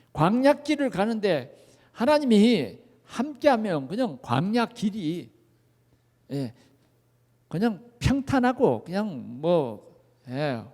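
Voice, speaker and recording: A male pastor with a high voice preaches with lively rises and falls, often putting questions to the congregation. His voice rings out through a spacious, echoing church sanctuary. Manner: animated, asks the congregation questions. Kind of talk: sermon. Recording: echoey church hall.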